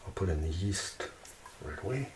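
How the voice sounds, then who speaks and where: A man from Quebec, Canada, with a low, animated voice, casually hosts an ASMR-style cooking video at home in his kitchen. Taking his time, he talks to himself and asks viewers questions. Audio comes from a distant mic and is clearly noisy, with clicking sounds.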